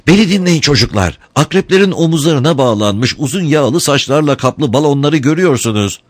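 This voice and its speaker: A woman's voice: lowish voice, big pitch swings, fairly quick, dry recording, pitched above the performer's own voice. A fierce teenage girl, bold and commanding, snaps out her orders in a raised, strained voice. She is put on by a male narrator, in a dry, close recording. Her tone stays hard and scornful throughout. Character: fierce defiant teenage girl leading a gang.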